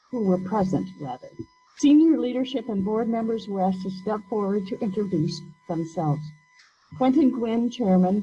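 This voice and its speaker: Woman, mid pitch, mellow, muffled through a face mask, formal read-aloud, dull recording. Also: breathy edge. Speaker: board secretary. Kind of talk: reading minutes aloud formally.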